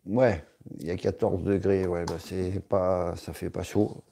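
Low, very dark-voiced male streamer. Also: level tone, unhurried, creaky, breathy edge. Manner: rambling, joking, many hesitations. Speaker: live streamer reading chat. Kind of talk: casual live-stream chat.

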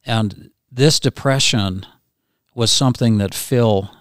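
A middle-aged man hosting a podcast, speaking in a slow, measured way. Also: medium pitch, dry recording, studio quality. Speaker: podcast host, hypnotist. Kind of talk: gentle interview talk. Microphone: podcast mic.

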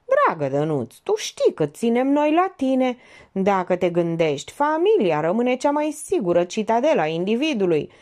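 Woman reader doing a smug preachy notary, pitched up, lively swoops, audiobook. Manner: theatrical, preachy, sentimental. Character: pompous middle-aged male notary, sanctimonious schemer. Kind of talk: audiobook character voice.

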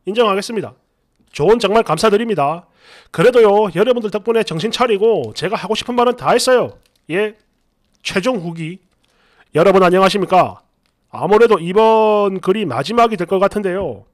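A man's voice: sits high, lively intonation, fairly quick. A man narrating an online post in the first person, telling the story with exasperation.

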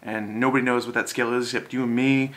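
A man's voice: mid-range voice, level tone, fast talker, fairly bright tone. A young man in casual, drunken, loosely rambling chat to a camera, as in a video message to a friend. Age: young adult. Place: small bedroom, indoors.

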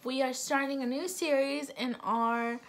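A woman's voice: high-pitched, fairly even intonation, measured pace. A young woman chatting casually to her viewers as a vlogger. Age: young adult. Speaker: YouTube vlogger. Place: small indoor room.

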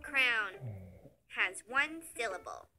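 Lady doing a kids app lesson, high bright voice that swoops around, music playing behind. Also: lively intonation. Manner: slow, sing-song and cheery, with praise calls between words. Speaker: children's learning app narrator. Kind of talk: scripted children's lesson narration.

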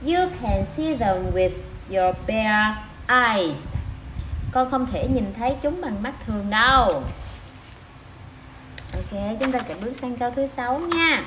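A woman teaching an online language lesson to parents. She repeats short sentences slowly, one word at a time, and then explains them. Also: fairly high pitch, animated, fairly bright tone. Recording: echoey room with clear noise.

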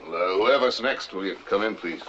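An actor playing a brusque, stern country vet with a curt, dismissive manner. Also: male voice, lowish voice, fairly quick, fairly bright tone, close to an everyday voice. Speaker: veterinarian. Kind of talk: 1960s film dialogue. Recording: dull old film soundtrack with hiss.

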